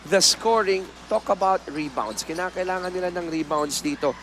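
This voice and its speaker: A man's voice: high-pitched, brisk, a bit bright, a little hiss or hum. A man with a Filipino accent giving conversational, explanatory basketball commentary as an analyst, often adding tag questions. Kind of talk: conversational pre-game commentary mixing Tagalog and English.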